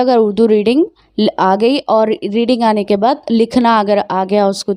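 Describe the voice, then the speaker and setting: Slow-reciting woman teacher. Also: a little high, darkish tone, no echo. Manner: slow, drawn-out letter recitation between explanations. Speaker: Urdu teacher. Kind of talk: online language lesson.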